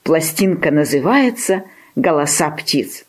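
A woman's voice: low voice, expressive, a little slow, breathy edge, heavily acted. A woman voicing a proud, boastful male rooster in a storybook tale, pompous and condescending.

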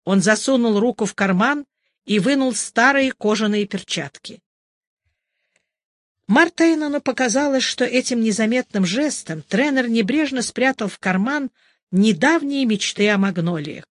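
A narrator reads prose in a measured, even way, as if recording an audiobook. The sound is dry and close, with no room around it, and the pitch sits in a middle register. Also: no room sound. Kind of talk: scripted literary narration.

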